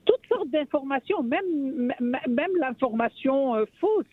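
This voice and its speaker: On a dry, phone-like line, a woman from Morocco joins a radio discussion as an impassioned guest, with an animated, unhurried, high-sitting voice and no echo. She throws out rhetorical questions and keeps repeating words as she searches for what comes next.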